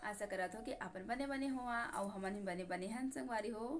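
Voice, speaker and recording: A young woman with a Chhattisgarhi accent chatting casually to her viewers, her voice hoarse from a sore throat. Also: mid-range voice, normal speed. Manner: chatty, warm greetings to friends. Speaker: vlogger.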